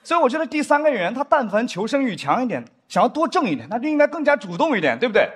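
A man performing a stand-up comedy set, telling stories and acting out drama scenes in a lowered voice. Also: racing, husky. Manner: lively storyteller, acts out drama scenes in lowered voice. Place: theater stage before a live audience. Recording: live stage with crowd laughter and noise.

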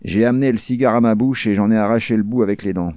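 Deadpan man reading a crime novel. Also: on the low side, fast talker, no room sound, muffled recording. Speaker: audiobook reader. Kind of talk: scripted first-person crime narration.

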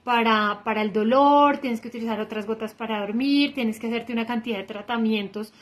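A woman's voice: fairly high pitch, fairly quick. A young woman from Bogotá with a Colombian Spanish accent tells her story as a patient to a phone camera at home, earnest and emphatic, often restarting her words. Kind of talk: personal testimonial to camera. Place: indoor room at home.

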